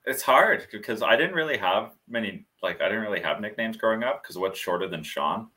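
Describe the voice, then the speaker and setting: A man co-hosting a podcast, telling stories in a casual, animated way with frequent laughs. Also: on the low side, fairly quick. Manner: animated storyteller, laughs often. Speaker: podcast co-host. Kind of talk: casual chat.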